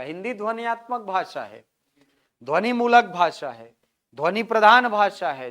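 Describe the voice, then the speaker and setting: A man's voice: high voice, fairly bright tone, clean tone. A male teacher giving a classroom lecture, sounding out syllables one by one at the board and often checking whether his students follow, with a Chhattisgarhi Hindi accent.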